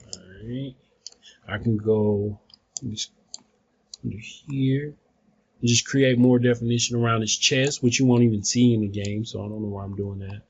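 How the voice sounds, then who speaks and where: A man giving a casual, rambling software tutorial, thinking aloud, recorded on a phone some distance away. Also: mid-range voice, fairly even intonation, normal speed, breathy edge, muffled recording. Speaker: video tutorial presenter.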